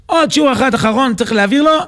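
A man's voice: very high voice, fairly bright tone. A man voicing a strict royal tutor who speaks firmly and commands. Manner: firm, commanding.

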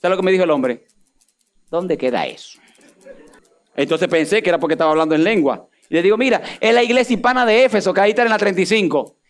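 A man preaching a sermon, swinging from loud emphatic peaks down to low asides. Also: rapid-fire. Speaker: pastor.

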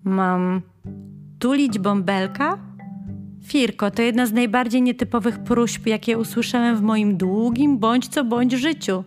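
A woman's voice: on the high side, measured pace, music in the background, lightly acted. A woman voicing a weak, doubtful old male being in a children's audiobook. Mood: weary doubt. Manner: doubtful, weary.

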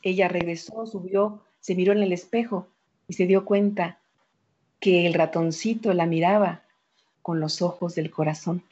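A woman storyteller telling a fable in a lively, playful way, checking in with "¿no?" tags. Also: lowish voice, moderate pace, muffled recording. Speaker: storyteller, guest.

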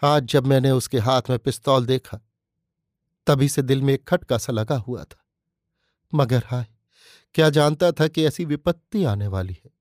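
A grieving gentleman from a storybook speaks with sighing regret, as a male narrator puts him on. His voice sits at an ordinary middle pitch, and the sound is dry and close. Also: a little slow, long pauses, no room sound, natural voice. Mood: sorrowful. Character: grieving middle-aged gentleman, sorrowful husband.

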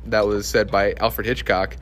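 A young man rambling in a casual podcast chat, halting and full of filler words. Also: lowish voice, flat delivery, fairly bright tone, a little hiss or hum. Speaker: podcast co-host.

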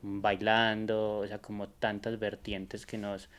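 A man, a musician guest, talking in a relaxed, rambling way with many hesitant fillers. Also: lowish voice, slow, clear, resonant tone. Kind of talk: casual conversation.

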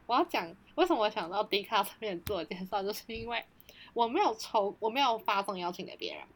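A woman's voice: medium pitch, sing-song, quick pace, a bit bright, a little hiss or hum. A woman in her twenties with a Taiwanese Mandarin accent, telling stories playfully in casual podcast chat. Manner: playful, giggly storytelling. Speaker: podcast co-host.

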